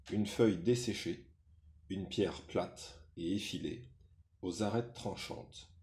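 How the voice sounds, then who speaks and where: A man reading a first-person memoir aloud in a measured, sober way. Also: lowish voice, dark tone. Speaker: reader. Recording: roomy echo.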